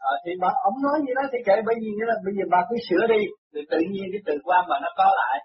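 A man's voice: sits high, very fast. A man acting as a spiritual counselor who reassures and lectures in casual chat. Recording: muffled recording, faint noise.

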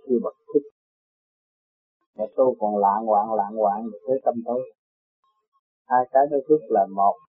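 A man giving a measured, didactic spiritual teaching. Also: mid-range voice, husky. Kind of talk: religious teaching. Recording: phone-like sound, faint music.

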